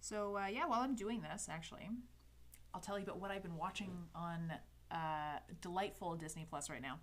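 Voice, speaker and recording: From an indoor home desk studio, a Canadian woman in her thirties uses a headset to teach a calligraphy livestream in a casual, rambling way. She keeps interrupting and correcting herself, with light laughs. Her voice sits on the low side and moves a little fast.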